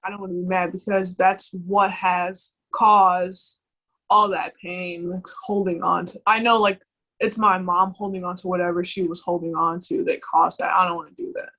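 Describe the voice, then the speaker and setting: A young woman speaking candidly in a personal conversation, halting often with fillers and restarts. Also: lowish voice, little pitch movement, bright, forceful tone, low-quality recording. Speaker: guest.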